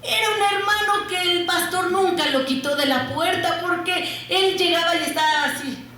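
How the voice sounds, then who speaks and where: High-voiced woman preaching in an echoing church. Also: moderate pace, sharp tone, a little hiss or hum. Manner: asks the congregation questions and answers them herself. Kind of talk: sermon. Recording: very echoey church hall.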